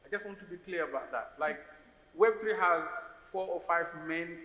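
A man's voice: fairly high pitch, moderate pace, pushed and bright. A Senegalese man in his forties, an investor on a conference panel, speaking thoughtfully and often repeating words as he searches for the next phrase. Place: large conference hall stage. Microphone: stage microphone on a stand. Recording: roomy hall reverb with faint hiss.

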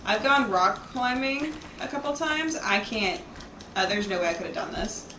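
A woman's voice: a little high, lively intonation, moderate pace, pushed and bright. A woman streamer joking and swearing as she plays a video game on a livestream. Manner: profane, playful, joking. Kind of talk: casual gameplay commentary. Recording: echoey, distant, noisy.

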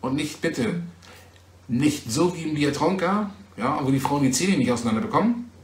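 A man from Germany chats with his viewers on a livestream recorded on a phone. His voice sits a little high, and he talks in a teasing, chatty way, often checking back with a quick "ja?". The room around him sounds echoey. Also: expressive. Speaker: livestream host. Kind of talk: casual livestream chat answering viewers. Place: home in Poland.

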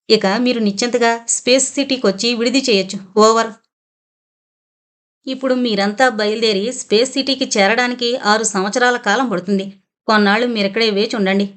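A woman's voice: a little high, lightly acted. Woman reading an old grandfather on a radio link. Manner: formal radio talk ending in "over". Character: older grandfather radioing aliens, solemn.

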